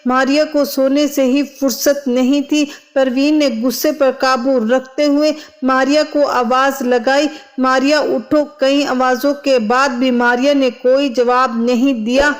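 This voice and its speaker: Slow, high-voiced woman storyteller. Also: flat delivery. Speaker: narrator. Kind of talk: storybook narration.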